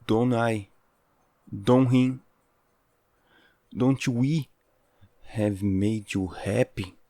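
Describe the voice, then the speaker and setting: A man's voice: sits low, little pitch movement, slow pace, vocal fry, dry recording, exaggerated voice. A man playing an obsessive, hot-headed, possessive yandere lover with intense, pleading devotion in a dramatic audio role-play. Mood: desperate pleading.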